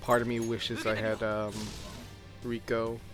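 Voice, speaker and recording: A man's voice: mid-range voice, monotone, a little slow. A man giving casual, rambling, self-deprecating gameplay commentary as he plays, in the manner of a gaming video creator. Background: game music, mouse clicks.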